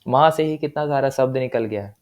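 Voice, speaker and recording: A man's voice: mid-range voice, fairly quick, darkish tone. A man teaching a lesson patiently, often checking in with his students, with in his phrases. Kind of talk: explanatory lesson, mixing Hindi and English.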